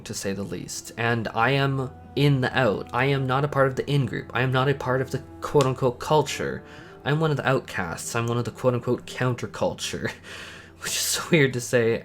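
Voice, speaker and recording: A sad, dejected man talking casually and candidly in a personal vlog, halting and emphatic as he confesses his feelings. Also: medium pitch. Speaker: content creator, channel host.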